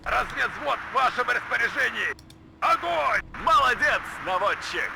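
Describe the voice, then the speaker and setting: A man's voice: big pitch swings, measured pace, creaky, exaggerated voice. A man playing an eager Soviet army soldier in a war game, barking clipped combat reports and orders. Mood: urgent, commanding. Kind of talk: shouted military unit responses in a war game. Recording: very noisy, vehicle rumble behind.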